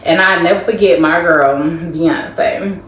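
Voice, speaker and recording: Brief: low-pitched woman co-host, reflective casual chat, echoey room. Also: slow, fairly bright tone. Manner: reflective, filler-heavy. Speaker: podcast co-host. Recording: echoey room, faint ambience.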